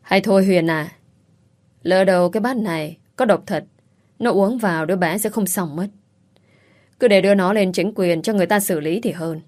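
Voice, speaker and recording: Woman doing a gentle old grandfather for an audio story, soft and mild. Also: lowish voice, normal speed, close to an everyday voice. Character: gentle old man, the family elder.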